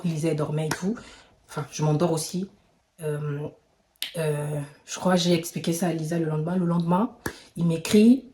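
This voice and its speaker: A young woman telling a storytime in casual chat, animated and slangy, shifting between loud exclamations and whispers. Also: fairly low pitch, roomy sound, a little hiss or hum. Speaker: vlogger.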